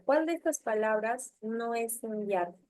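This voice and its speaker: A woman's voice: a little high, animated, unhurried, darkish tone, rough recording. A young woman teaching an online class through a computer mic, patient and checking often that students follow. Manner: patient, checks understanding with frequent tag questions. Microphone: computer mic on a video call.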